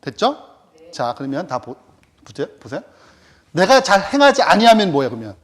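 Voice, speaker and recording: A man teaches Scripture in a lecture, firing off rhetorical questions and answering them himself. His voice is high, husky and full of rise and fall. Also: sing-song, a little fast. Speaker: Bible teacher. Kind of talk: Bible study lecture.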